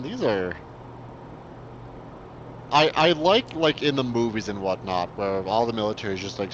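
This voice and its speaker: A man rambles casually through his stories, circling back and restarting as he goes, his voice a little low. The sound is dull and lo-fi, with faint noise underneath. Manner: rambling, many fillers and restarts. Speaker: co-host. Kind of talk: casual chat.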